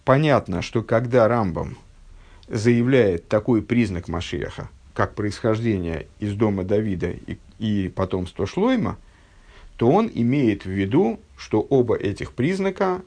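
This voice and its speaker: A man giving a religious text-study lecture, speaking in a measured, halting way with fillers and self-corrections, reading out quotations and translating them. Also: on the low side, lively intonation, a little mellow. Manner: reads and translates Hebrew quotations. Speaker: religious teacher.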